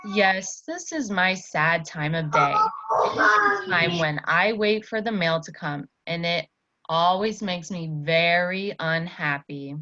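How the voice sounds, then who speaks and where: A woman voicing a gloomy, grumpy male toad from a children's story, with plaintive, expressive emphasis. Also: on the low side, slow, lo-fi sound, full character voice. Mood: sad, resigned.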